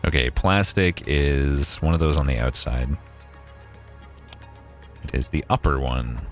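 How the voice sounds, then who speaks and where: A young Canadian man with a Maritime accent speaks in a rumbling low voice, a bit slowly, over soft background music. Streaming a game, he thinks aloud and swears casually in relaxed livestream chat.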